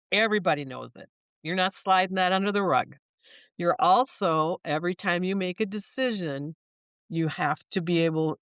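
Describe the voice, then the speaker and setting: A woman's voice: on the low side, fairly bright tone, clean tone, no room sound. A middle-aged woman who owns a small business, chatting in an interview and explaining things with examples and frequent restarts. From Minnesota. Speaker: small business owner, guest. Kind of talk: casual interview talk.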